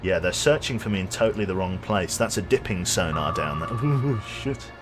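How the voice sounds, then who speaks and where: Over music, a young man talks through his gaming stream in a low-pitched, animated voice at normal speed. He rambles, chats with viewers, reads their messages aloud and jokes.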